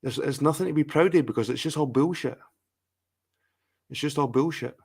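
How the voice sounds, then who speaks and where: A middle-aged man from England rants on his livestream, swearing, rambling and circling back over the same points. His voice is a little high and husky with vocal fry and a darkish tone, at a moderate pace.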